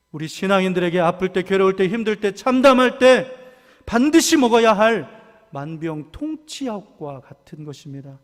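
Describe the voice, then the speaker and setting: Impassioned pastor, high voice, church echo. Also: male voice. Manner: impassioned, swings from hushed to shouted cries. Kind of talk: sermon. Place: church sanctuary. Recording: long church reverb.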